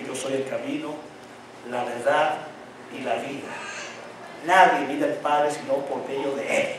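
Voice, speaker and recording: Heard from a distance in a very echoey church hall with background noise, a man with a voice on the high side preaches a sermon. He keeps asking the congregation questions for them to answer, call-and-response style, and a slight tongue-tie tangles his words.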